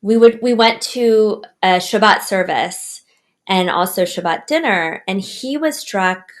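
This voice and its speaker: A woman author answering interview questions in an earnest, measured way, pausing and restarting her phrases. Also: medium pitch. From United States. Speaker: author guest.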